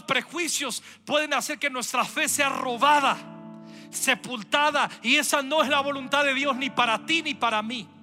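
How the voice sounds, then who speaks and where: A male pastor delivers a lively sermon and calls on the congregation to repeat after him. His voice is very high and piercing. Faint instrumental music plays underneath. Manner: lively preaching with acted-out quotes.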